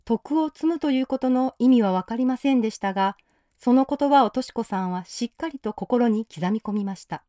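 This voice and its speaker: A woman reads a story aloud in a gentle, polite way. Her voice sits a little high, with a mellow, soft tone. The recording is close and dry. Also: normal speed, no echo. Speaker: narrator. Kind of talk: scripted story narration.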